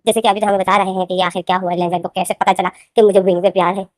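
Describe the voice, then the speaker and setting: A woman narrates her own fanfiction in rapid-fire, flat delivery, her mid-range voice strained by a sore throat. Casual and rambling, she repeats names and phrases and calls her viewers "guys." The studio-quality recording has no room sound.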